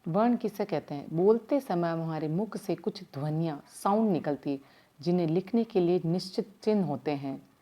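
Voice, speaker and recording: A woman teaching primary school grammar in a slow, step-by-step way, asking her class questions as she goes, with words her speech. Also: lowish voice, mellow. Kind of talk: recorded grammar lesson.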